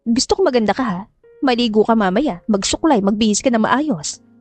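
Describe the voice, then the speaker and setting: A woman's voice: a little high, lively intonation, fairly quick, darkish tone, no room sound, faint music behind. A woman voicing a cold, manipulative mother who gives curt orders and coaxes her daughter. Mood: coaxing commands. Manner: curt, commanding, coaxing. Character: cold, scheming, chain-smoking mother.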